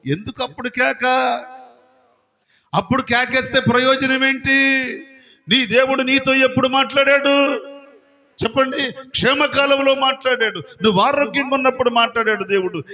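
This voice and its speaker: Male pastor, sermon, very high pitch, questioning the listeners. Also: moderate pace, bright, forceful tone. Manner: questioning the congregation.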